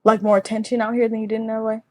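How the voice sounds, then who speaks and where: A young woman from California hosting a casual chat among friends, relaxed and quick to laugh, with loose slang. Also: a little high. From Inland Empire, California. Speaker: podcast host.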